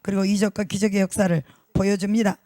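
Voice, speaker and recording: High-voiced emphatic preacher man. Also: flat delivery, quick pace, dark tone, no room sound, studio quality. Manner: emphatic, asks the congregation rhetorical questions; repeats key words for stress. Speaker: pastor. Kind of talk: sermon.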